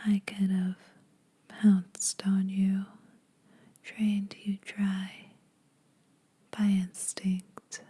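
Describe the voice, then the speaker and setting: A woman plays a menacing, teasing vampire huntress, whispering softly and breathily for ASMR. Her medium-pitched voice is exaggerated, slow, deliberate and condescending.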